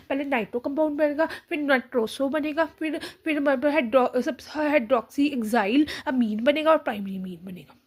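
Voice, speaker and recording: A woman tutor gives a casual online chemistry lesson, her voice sitting high. She reads textbook lines slowly, repeats each step, and uses many fillers.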